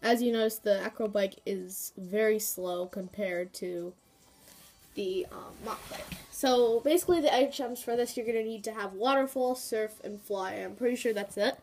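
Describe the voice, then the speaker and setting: Over soft background music, a sniffly woman with a cold chats through a game walkthrough as a gaming YouTuber. Her medium-pitched voice is a little mellow and moves at a normal pace, wandering with fillers and asides.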